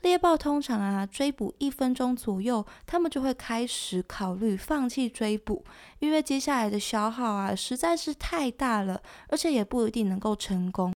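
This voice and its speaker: Woman, high voice, nature documentary narrator, conversational explainer, educational presenter. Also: animated, normal speed. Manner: explanatory, conversational, with frequent softening sentence particles. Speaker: presenter of an animal education show. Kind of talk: scripted nature documentary narration for a general audience.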